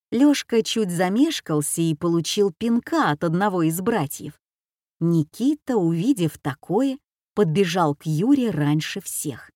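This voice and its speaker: A woman reading a children's adventure story aloud in a slow, measured way. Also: fairly low pitch, dark tone, no room sound, studio quality. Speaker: audiobook narrator. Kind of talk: scripted narration.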